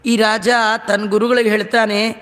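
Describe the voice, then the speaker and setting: A man giving a religious discourse, slowly chanting verses and explaining them with homely humor. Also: high-pitched, flat delivery, fairly bright tone, long reverb tail.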